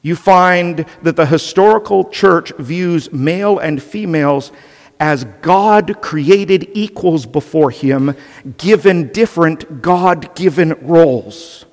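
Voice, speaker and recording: A man's voice: on the high side, slow pace, big-room sound. A male pastor delivering an earnest, emphatic sermon, often restarting his phrases.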